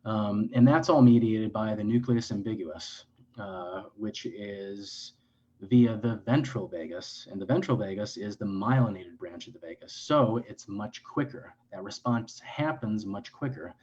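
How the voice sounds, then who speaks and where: A man's voice: lowish voice, unhurried, darkish tone, lo-fi sound. A man speaking as a clinician guest in an interview, explaining in an earnest, lecturing way with frequent restarts and self-corrections.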